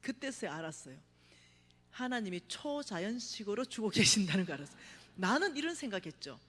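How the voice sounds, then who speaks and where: A middle-aged woman giving a testimony sermon at a revival meeting, telling her story with vivid acted-out cries and sudden hushed asides. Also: medium pitch, fairly quick, breathy edge. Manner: animated storytelling, acts out her own cries, drops to a hush for emphasis. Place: church sanctuary. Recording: reverberant church hall.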